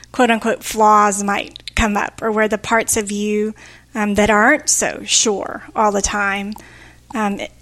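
A woman's voice: medium pitch, fairly bright tone. A woman co-hosting a podcast, talking in a thoughtful, searching way with frequent fillers. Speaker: podcast co-host. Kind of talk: reflective conversational chat.

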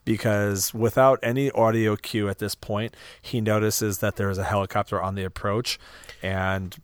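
A man with a somewhat low voice co-hosting a podcast, trading casual movie talk. He drops dry, sardonic asides. His voice sits close and dry on the mic. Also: level tone, normal speed, smooth, no echo. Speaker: podcast co-host. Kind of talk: casual movie-review chat.

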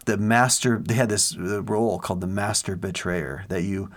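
A man's voice: fairly low pitch, fairly even intonation, moderate pace. A man in a casual faith discussion, telling stories earnestly with lots of fillers and restarts. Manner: earnest, rambling storyteller with many fillers.

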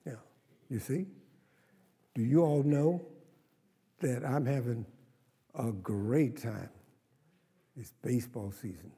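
A man's voice: mid-range voice, slow pace, long pauses, dark tone, husky. Older man preaching in a reverberant hall. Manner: preaching with call-and-response, rising to exclamations. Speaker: pastor. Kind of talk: sermon.

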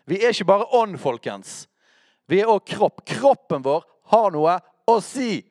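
Lively man teaching worship. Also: sits high, no echo, clean studio sound. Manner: lively, addresses listeners directly with questions. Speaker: preacher.

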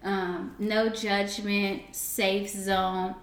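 A woman co-hosting a casual podcast, talking playfully and laughing between drawn-out sign-offs. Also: mid-range voice, level tone, reverberant. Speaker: podcast co-host.

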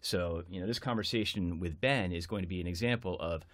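Male podcast host, very low voice, earnest, thinks aloud with restarts. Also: brisk. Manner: earnest, searching, repeats words while thinking. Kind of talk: conversational interview.

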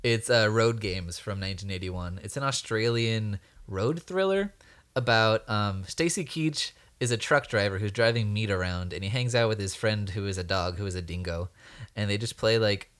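A man's voice: lowish voice, moderate pace, fairly bright tone. A man hosting a podcast in casual chat, quizzing and teasing his co-hosts and laughing often. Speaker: podcast host.

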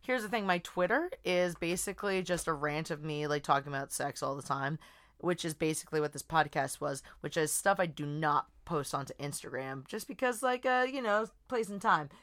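Bawdy, rambling woman with a lowish voice. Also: normal speed, a bit bright. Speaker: podcast guest. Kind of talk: casual comedic chat.

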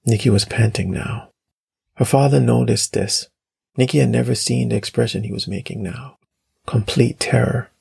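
Gravelly, husky male narrator. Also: medium pitch, steady tone, normal speed, darkish tone, no room sound, studio quality. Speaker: author reading his story. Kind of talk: audiobook narration.

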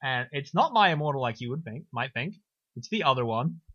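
A young man casually recapping a film on a podcast, sarcastic and animated, slipping into silly voices. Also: mid-range voice, brisk, no echo. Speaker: podcast co-host. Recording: dull lo-fi dry recording.

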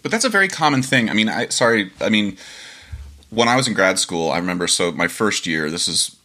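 A man in his thirties with a slightly low voice hosts a podcast in a casual interview chat, talking a little fast. He tells stories animatedly, laughs often, and acts out what people said.

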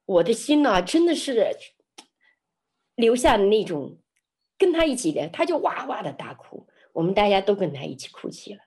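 A middle-aged woman guest in an interview, sharing a personal testimony as an expressive, animated storyteller. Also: medium pitch, normal speed, slightly rough. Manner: expressive, lively storyteller who laughs often.

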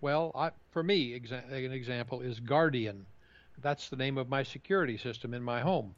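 Halting man on a muffled, dry line. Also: medium pitch, no room sound. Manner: halting, restarts often with many uh fillers. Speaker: tech podcast co-host. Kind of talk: casual chat. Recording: dull, slightly muffled dry sound.

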